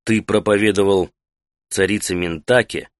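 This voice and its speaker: A shrewd old mage with a calm, measured authority, as a male audiobook reader puts him on. The voice sits low and quiet, with a dry, close sound and no room around it. He speaks evenly, never needing to raise his voice. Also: no room sound, lightly acted. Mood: commanding.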